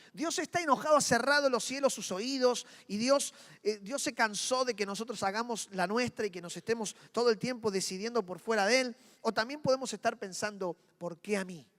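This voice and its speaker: A male pastor with a Rioplatense Spanish accent preaching a dramatic sermon, dropping to quiet moments and rising to loud ones as he acts out inner voices. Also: very high voice, a little fast, big-room sound.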